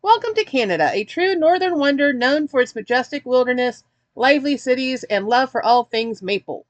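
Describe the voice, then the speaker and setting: A woman's voice: sits high, lively intonation, a little fast, no echo. A woman hosting a casual snack-box unboxing, chatty and wry, reading the packaging aloud. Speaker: host reviewing a snack box.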